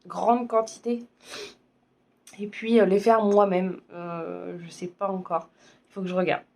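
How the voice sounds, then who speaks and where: A woman in her thirties from France with a sore, hoarse throat, chatting casually as a vlogger and hesitating often. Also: fairly low pitch. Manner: hesitant, many fillers. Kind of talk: casual chat.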